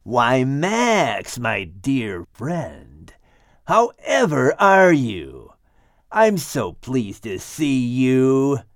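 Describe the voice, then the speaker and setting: A menacing storybook snake, voiced by a man reading aloud. He takes his time over each word, sweeping his pitch high and low to sound falsely charming. The recording is close and dry, with no room around the voice. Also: sing-song, no room sound, exaggerated voice. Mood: mock friendly. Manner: slow, silky, mocking drawl with sweeping pitch. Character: sly, menacing male snake villain. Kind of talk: storybook character voice.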